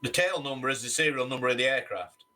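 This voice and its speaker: A man's voice: medium pitch, fast, sharp tone. A man joining a livestream's voice chat, confidently arguing a point and teasing the others. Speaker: voice chat guest. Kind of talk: casual group chat.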